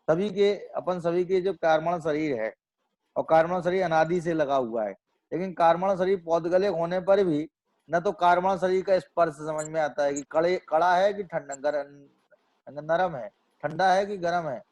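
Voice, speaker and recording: A man delivers a scripture lecture in a voice a little higher than most men's. He reasons aloud and keeps posing rhetorical questions, then answers them himself. He returns to the same phrases as he builds his explanation. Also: darkish tone. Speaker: Jain scholar lecturing on scripture.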